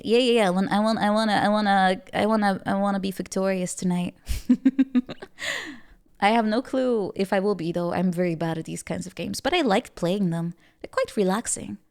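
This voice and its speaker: A woman's voice: mid-range voice, darkish tone, smooth. A woman livestreamer chatting casually while gaming, in a playful, cute anime-streamer manner. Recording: music playing behind the voice. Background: music.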